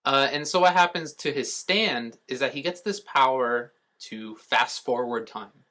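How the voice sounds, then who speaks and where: A podcast co-host explains things in a casual, rambling chat, swearing offhandedly along the way. His medium-pitched voice is unhurried, pushed and bright.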